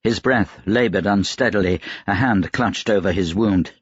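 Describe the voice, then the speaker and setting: A man narrating a fantasy audiobook in an even, measured storytelling voice. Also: fairly low pitch, breathy edge, no room sound, highs cut off. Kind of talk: scripted narration.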